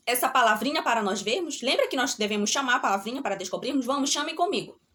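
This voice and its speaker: High-voiced Brazilian woman teacher. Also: a bit bright. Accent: Brazilian Portuguese. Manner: slow, drawn-out syllables with a repeated "tá bom?" check. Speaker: primary school teacher. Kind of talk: remote class lesson.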